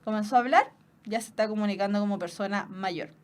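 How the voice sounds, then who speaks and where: A woman's voice: medium pitch, quick pace. A woman with a Chilean accent teaching an online exam-prep class, explaining each point with everyday examples and repeating ideas in other words.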